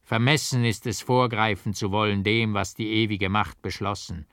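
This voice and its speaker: A man voicing a solemn, mysterious old painter who speaks slowly and commandingly. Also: on the low side, steady tone, a bit bright, clean tone, no echo, studio quality, natural voice.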